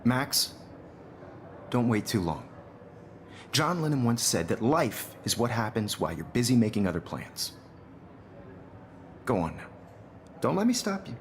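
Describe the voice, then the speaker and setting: A charming photography teacher in a video game, his voice rising and falling with lively, teasing energy. Steady noise sits under the game audio, and he sounds smooth and sure of himself. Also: mid-range voice, measured pace, pauses often. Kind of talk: game voice acting.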